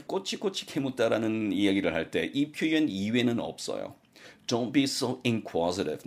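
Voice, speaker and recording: A man with a Korean accent lectures on English expressions, explaining them, asking rhetorical questions, and slowly drilling example sentences. His pitch is fairly low.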